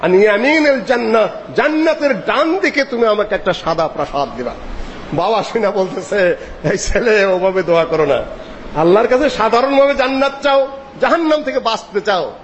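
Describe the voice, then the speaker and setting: A man with a high voice delivers a sermon, chanting Arabic verses and explaining them in lively, swinging tones. The recording is dull and lo-fi, with a long reverb tail from the hall. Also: normal speed, slight background noise. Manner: animated, swings pitch widely for emphasis. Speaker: Islamic preacher.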